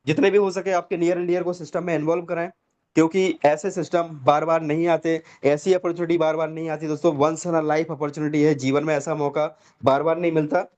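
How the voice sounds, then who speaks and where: A man with a high-pitched voice gives a motivational pitch over a video call. He talks in a preachy, emphatic way and keeps repeating his address to his friends. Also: darkish tone. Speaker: network marketing session host.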